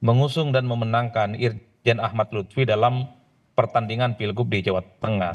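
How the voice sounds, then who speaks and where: A man speaking as a political analyst guest in a live news interview, in long flowing analytical sentences over a remote link. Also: mid-range voice. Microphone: remote video call link.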